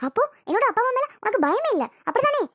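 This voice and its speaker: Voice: very high-pitched, big pitch swings, rapid-fire, sharp tone, dry recording, studio quality, full character voice. A voice actor playing a rude, bossy young bride in a cartoon, speaking with a Tirunelveli Tamil accent and taunting her family. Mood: scornful. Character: bossy new bride, sharp-tongued and rude. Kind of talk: cartoon voice acting.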